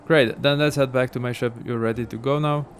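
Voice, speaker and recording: A man's voice: medium pitch, fairly even intonation, brisk, slight background noise, lightly acted. A man reading the lines of a rude, scornful pirate from a video game. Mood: curt. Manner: sneering, insulting.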